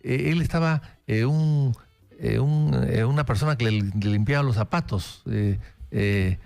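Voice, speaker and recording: A man's voice: mid-range voice, a little slow, vocal fry, a little mellow, faint music behind. A man hosting a radio political interview, telling anecdotes with many "eh" fillers. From Peru. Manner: conversational anecdotes, frequent fillers. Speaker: radio host.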